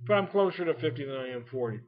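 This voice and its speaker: A beer vlogger in his forties chats casually on a lo-fi home recording, rambling in a folksy way and laughing often between thoughts. His voice is mid-range with lively intonation, and he talks rapid-fire.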